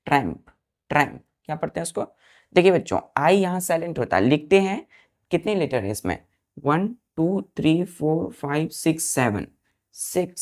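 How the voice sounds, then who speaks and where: In a deep, slightly mellow voice, a woman teaches children English vocabulary the way a classroom lesson goes: spelling out every word letter by letter and repeatedly having them say it back, with Hindi explanations woven around the English words.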